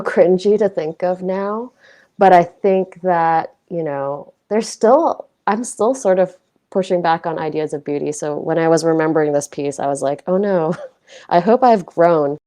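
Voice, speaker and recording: A young woman from Hong Kong, appearing as a guest artist, talks casually and reflectively about her work in a conversational interview, poking fun at herself. Her voice is on the low side with a dark tone, and her speech is loose with fillers.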